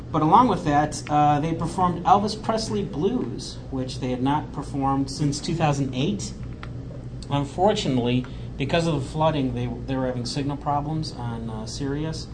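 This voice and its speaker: A podcast host chats casually, hesitating with fillers, before reading a prepared show roundup. His voice is medium-pitched, and the background is noisy.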